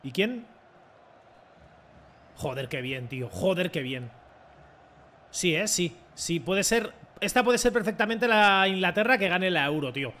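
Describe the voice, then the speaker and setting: A young man with a Spain Spanish accent, commenting his own football video game in an excitable, mocking way and swearing often. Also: sits high, measured pace, pauses often, a little hiss or hum. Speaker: gaming content creator. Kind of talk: casual gameplay commentary.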